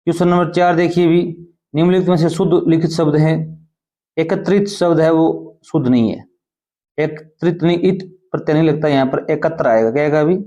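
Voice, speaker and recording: A male teacher running an exam-prep lesson who explains answers step by step and often asks quick questions. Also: on the high side, warm tone.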